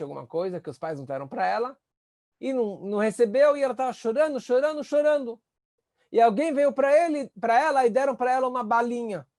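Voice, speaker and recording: A man, a rabbi teaching a class on empathy, earnest, and acting out the voices he quotes with sudden rises in pitch. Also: a little mellow, no room sound, clean studio sound. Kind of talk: spoken lesson on empathy.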